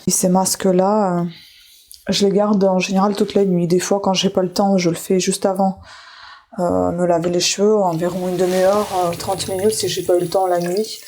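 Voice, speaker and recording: A woman's voice: fairly low pitch, a little hiss or hum. A middle-aged woman chatting casually to the camera while she does her evening skincare in a bathroom at home. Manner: relaxed, chatty, talks while doing skincare. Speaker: beauty vlogger. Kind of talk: casual vlog chat.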